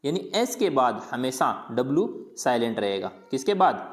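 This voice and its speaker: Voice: mid-range voice, very animated, moderate pace, faint music behind. A teacher giving a patient pronunciation lesson, asking a question and then answering it, and repeating each word several times. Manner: colloquial, patient drilling of words. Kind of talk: explanatory lesson.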